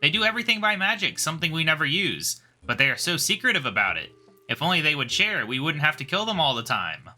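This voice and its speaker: A man's voice: fairly high pitch, sing-song, fast, pushed and bright, exaggerated voice. A man voicing a wary, solemn male chieftain in a game playthrough.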